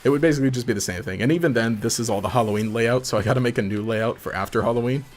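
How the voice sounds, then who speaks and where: A man's voice: mid-range voice, very fast, slight background noise. A man casually commenting on his own gameplay during a live stream, rambling, laughing often and trailing off mid-sentence.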